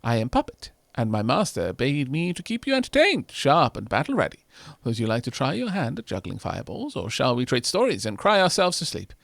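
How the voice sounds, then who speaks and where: A man voicing a playful, theatrical female jester with a loud, sing-song delivery. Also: medium pitch, huge pitch swings, fairly quick, gravelly, few pauses, no echo, exaggerated voice.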